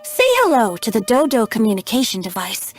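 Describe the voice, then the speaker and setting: A woman with a fairly high, expressive voice voices a youthful male bard for an English video game, speaking fairly quickly in a natural tone over soft background music. Her delivery is lilting, poetic and teasing, playful and sly, with an earnest, playful mood.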